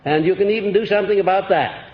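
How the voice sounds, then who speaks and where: This man talks fast in a high voice, giving a folksy motivational seminar lecture to a live crowd in a lecture hall, laughing and testing his listeners with questions. It's an old archival recording, dull and echoey with faint tape hiss.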